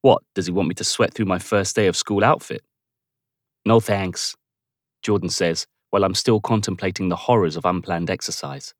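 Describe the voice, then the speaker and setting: A man reads a first-person novel with a cocky, playful ease. His voice is low, recorded dry and close to the mic. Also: brisk, few pauses, no room sound. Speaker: audiobook narrator.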